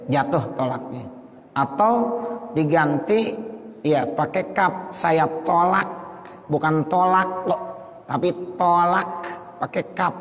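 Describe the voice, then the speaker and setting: A man giving a religious lesson, explaining point by point and slowing down to recite Arabic phrases. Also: fairly high pitch. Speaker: Islamic teacher. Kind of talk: religious lecture reading an Arabic text. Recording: roomy hall echo.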